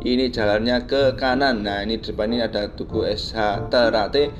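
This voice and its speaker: A man's voice: fairly low pitch, fairly even intonation, normal speed. A man riding a motorbike through village roads, giving jokey running commentary to his viewers. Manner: chatty, jokey, addresses viewers as "Lur". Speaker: motovlogger. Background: background music.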